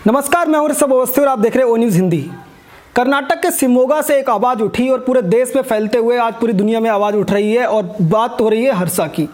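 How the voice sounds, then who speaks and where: High-voiced male news interviewer. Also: a little fast, a little mellow. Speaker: news channel host, interviewer.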